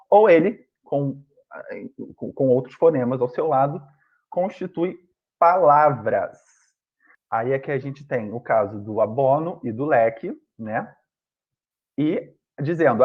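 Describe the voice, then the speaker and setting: A man's voice: on the high side, husky. A man teaching an online grammar lesson, explaining step by step and often checking in with his students. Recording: dull lo-fi online class audio.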